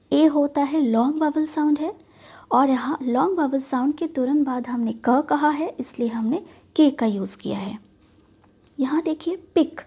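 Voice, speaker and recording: A young woman teacher slowly explaining phonics, repeating each sound. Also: high voice, mellow.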